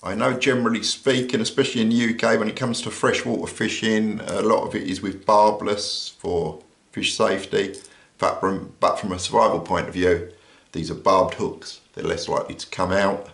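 The voice is on the low side and gravelly, with reverb: an older British man relaxedly explaining a survival kit item by item, with plenty of "uh" pauses. He sits at an indoor table, out of frame, as an overhead camera films his hands.

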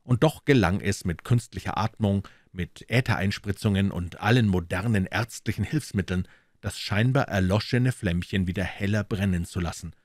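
A man narrating a classic detective story as an audiobook reader, in a measured, dramatic way. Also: sits low, no room sound, studio quality.

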